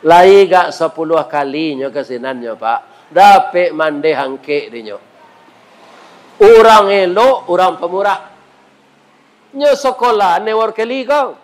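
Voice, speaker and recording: A man with a Minangkabau accent preaching a sermon, telling a story in a lively, humorous way. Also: a little high, measured pace, low-quality recording.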